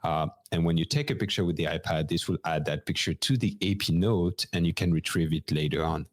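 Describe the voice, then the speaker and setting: A man's voice: deep voice, fairly quick, no echo. A man with a French accent co-hosting a podcast, methodically explaining practical steps in a casual technical chat. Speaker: podcast co-host.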